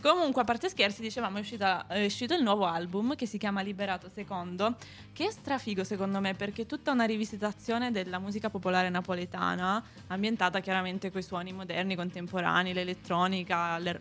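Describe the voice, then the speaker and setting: A woman's voice: medium pitch, a bit bright. A young woman co-hosting a radio show in casual, unscripted chat, enthusiastic and informal in her phrasing. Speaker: radio co-host. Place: radio studio.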